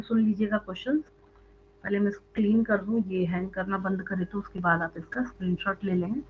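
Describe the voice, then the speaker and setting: A woman's voice: on the high side, slight background noise. A woman teaching biology in an online class, explaining step by step, asking her students questions and repeating the answers, with English terms mixed into her speech. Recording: tinny phone-like online audio.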